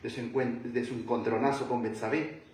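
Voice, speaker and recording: A man teaching the Bible verse by verse as a pastor, animated and full of rhetorical questions, stretching out key phrases. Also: medium pitch, fairly quick, slight background noise. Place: church hall. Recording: echoey room, voice from a distance.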